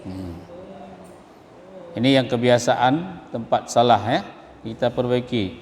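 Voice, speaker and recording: A man's voice: mid-range voice, animated, darkish tone, a little hiss or hum. Man chanting and correcting recitation, reverberant. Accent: Acehnese. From Indonesia. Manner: slow sung chanting alternating with brisk corrective explanation. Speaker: Quran recitation teacher. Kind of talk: recitation lesson, chanting then explaining. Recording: long hall reverb.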